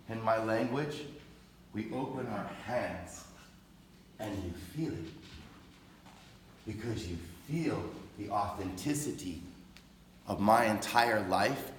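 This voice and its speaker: Male public speaker, lowish voice, very measured pace, solemn and earnest, echoey hall with faint ambience. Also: a little hiss or hum. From raised on a reservation in the United States. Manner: slow, deliberate, solemn delivery with long pauses. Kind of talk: impassioned public speech.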